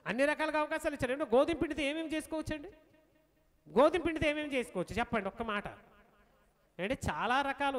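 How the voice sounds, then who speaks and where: Male pastor, very high voice, animated sermon delivery with acted-out pleas. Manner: animated, acts out pleading quotes. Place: church.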